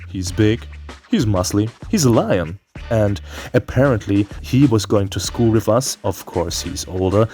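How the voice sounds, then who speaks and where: Over background music, a man performs a scripted, comedic review of a video game, playful, theatrical, and full of profanity. His voice sits on the low side with a darkish tone.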